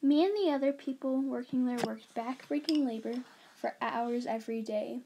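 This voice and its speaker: A woman's voice: high-pitched, normal speed, dark tone, slight background noise, low-quality recording. A woman voicing a young male immigrant miner, in an earnest first-person school history narration read plainly aloud.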